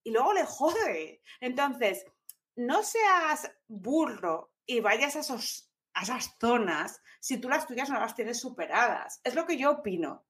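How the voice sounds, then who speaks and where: A woman's voice: on the high side, big pitch swings, takes it slowly, a bit bright. A woman in casual chat, blunt and outspoken, swearing freely and talking over the others.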